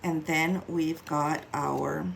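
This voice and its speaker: A woman's voice: low-pitched, steady tone, slow pace, gravelly, a little hiss or hum, rough recording. A woman giving a casual craft tutorial, chatty and self-mocking as she thinks aloud while working. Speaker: card-making demonstrator.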